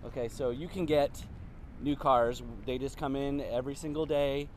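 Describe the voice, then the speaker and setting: A man's voice: mid-range voice, fairly even intonation, moderate pace, a little mellow, a little hiss or hum. A man in his thirties, a car dealership finance manager, chatting upbeat with lots of filler ums while walking an outdoor lot, recorded on a phone held at arm's length. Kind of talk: casual walk-and-talk promo. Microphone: phone camera at arm's length.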